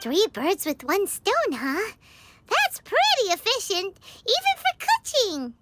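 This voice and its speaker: A woman's voice: extremely high pitch, huge pitch swings, slow pace, very noisy, full character voice. A woman voicing a tiny chirpy girlish fairy companion who talks about herself by her own name. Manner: bubbly, refers to herself by name. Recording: game dialogue over loud music. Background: loud game music.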